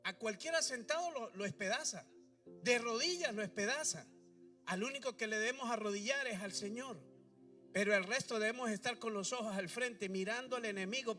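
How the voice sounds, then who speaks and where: A man's voice: very high voice, bright, forceful tone. A man preaching a sermon, firing rhetorical questions and calling on the congregation to repeat after him. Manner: preaching with rhetorical questions and call-and-response prompts. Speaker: pastor. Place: church. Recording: distant mic with faint music behind.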